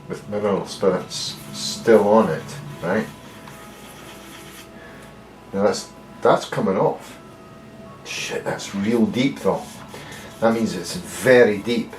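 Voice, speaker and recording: A Scottish man gives an unhurried, casual workshop tutorial as a bass luthier in a fairly low voice. He mutters, swears offhand and jokes dryly as he works. The recording sounds echoey, with a faint room ambience underneath. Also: a little mellow.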